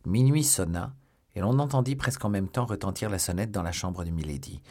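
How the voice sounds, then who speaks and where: Deep husky male audiobook narrator. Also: brisk, dark tone. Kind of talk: scripted narration of a classic novel.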